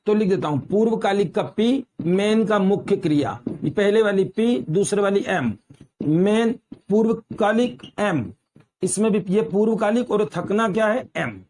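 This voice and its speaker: Male grammar teacher, high voice, slow patient dictation, repeats terms back as questions. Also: a little mellow. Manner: slow, word-by-word dictation of example sentences. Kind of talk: classroom-style grammar lesson.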